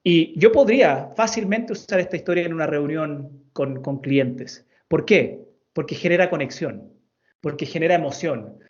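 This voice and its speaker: A man's voice: fairly high pitch, moderate pace. Earnest man telling a personal story. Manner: earnest, repeats words for emphasis. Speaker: guest, storytelling coach. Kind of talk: storytelling in an interview. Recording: dull lo-fi sound.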